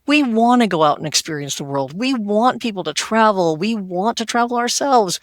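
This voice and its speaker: A woman's voice: mid-range voice, animated, moderate pace, dry recording. A woman hosting a health podcast, speaking as a healthcare worker in an earnest, conversational way, stacking repeated phrases. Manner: earnest, repetitive "we want to" phrasing, acts out quotes. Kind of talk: conversational interview.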